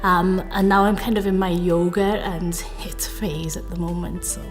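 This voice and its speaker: A woman's voice: on the low side, fairly even intonation, a little slow, faint music behind. A woman in her thirties from South Wales, talking earnestly about her career in an interview, often hedging with fillers and correcting herself mid-sentence. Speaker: interviewee, data professional. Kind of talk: reflective interview talk.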